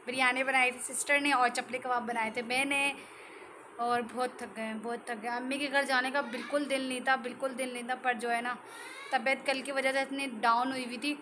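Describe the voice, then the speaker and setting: A woman's voice: high voice, flat delivery, fairly quick, background noise. A young woman and mother chatting casually in a home vlog, talking in a loose, repetitive way. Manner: chatty, repeats herself, fills with "jo hai na". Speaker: vlogger and mother.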